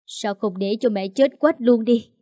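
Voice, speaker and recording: A woman's voice: a little high, a little slow, mellow, no echo, clean studio sound, natural voice. A woman voicing a frail older mother in a hospital bed who speaks weakly, choked and bitter.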